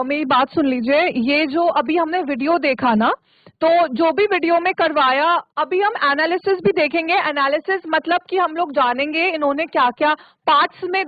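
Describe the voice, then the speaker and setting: Woman teacher from Uttarakhand, high voice, patient and checking in, for an online kids' class; dry, tinny phone-like sound. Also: moderate pace, dry recording. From Uttarakhand, India. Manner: patient, checks often with "okay?". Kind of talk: online spoken English class for children. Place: studio for a virtual classroom.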